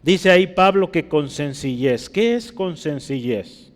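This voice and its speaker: A male preacher with a somewhat high voice teaches through a scripture passage, pausing to ask his listeners questions as he explains. His voice carries a long reverb from the church hall. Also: expressive. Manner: teaching, explains Greek words while writing on a board; addresses listeners directly with frequent rhetorical questions. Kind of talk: expository sermon.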